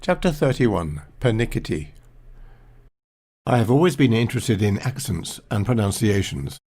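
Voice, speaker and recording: A man's voice: fairly low pitch, big pitch swings, moderate pace, darkish tone. Older male author narrating his memoir; wry, pernickety delivery that mimics pronunciations. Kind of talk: audiobook memoir reading.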